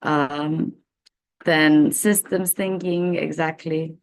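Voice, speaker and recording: On a low-quality recording, a Serbian woman runs a workshop activity for a seminar audience via video call, frequently saying "um" as she facilitates. Her low voice draws out words, and her intonation stays fairly even.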